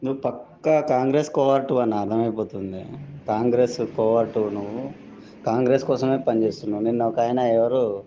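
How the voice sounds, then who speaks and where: A man's voice: medium pitch, dark tone, slight background noise. Angry man leaving a muffled phone voice message. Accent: Telangana Telugu. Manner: scolding, accusing, rapid-fire questions. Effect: recorded phone voice message. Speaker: angry member of the public.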